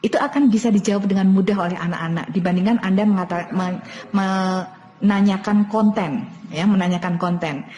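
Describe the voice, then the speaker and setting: A woman's voice: medium pitch, moderate pace, mellow, highs cut off. A woman presenting an online parenting lesson, explaining step by step and repeating key points. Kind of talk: online lecture. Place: online webinar. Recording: long reverb, faint background noise.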